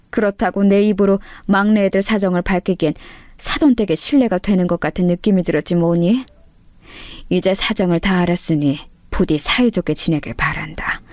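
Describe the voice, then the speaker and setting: A woman voicing a kindly older mother-in-law who speaks softly and motherly, with old-fashioned phrasing. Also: medium pitch, dry recording, studio quality, natural voice.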